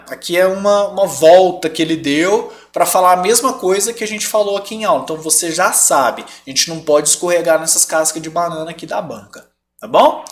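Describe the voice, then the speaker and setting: A man's voice: a little high, fairly bright tone. A man with a Brazilian Portuguese accent teaching a live online lesson, explaining patiently and checking in with the class often.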